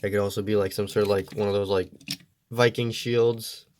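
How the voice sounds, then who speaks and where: This man's slightly low, darkish voice sounds stuffy and congested, like his nose is blocked, and his pitch barely moves. He talks at a normal speed through a toy review, wandering easily from point to point. A faint hiss or hum sits under the recording.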